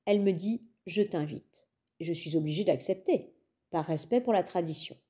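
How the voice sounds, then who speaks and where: A woman reading a young-adult novel aloud as an audiobook, in calm, measured first-person narration. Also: lowish voice. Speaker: audiobook reader.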